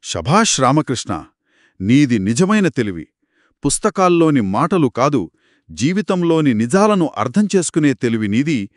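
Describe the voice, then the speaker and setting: A man voicing a king in a told children's story, speaking in a warm, praising royal tone. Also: mid-range voice, sing-song, moderate pace, no room sound, clean studio sound, natural voice. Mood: approving. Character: a king, grand and pleased.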